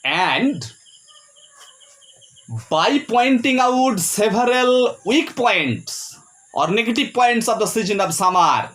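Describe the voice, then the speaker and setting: A man teaching a poem. He speaks with heavy emphasis, spells words out letter by letter and checks in with "Clear?". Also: high voice, animated, slow pace, long pauses, fairly bright tone. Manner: ends points with a rising "Clear?". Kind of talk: poetry lecture.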